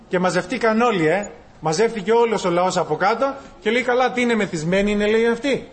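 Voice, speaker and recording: High-voiced preacher, animated. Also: male voice. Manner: animated preaching, addresses listeners as brothers, swings between loud and soft. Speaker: pastor. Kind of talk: sermon.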